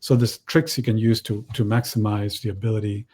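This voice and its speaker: Low husky-voiced man, mellow tone, halting panel talk with lots of restarts. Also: flat delivery. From Chile. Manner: halting, many restarts and fillers. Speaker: panel guest. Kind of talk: panel discussion.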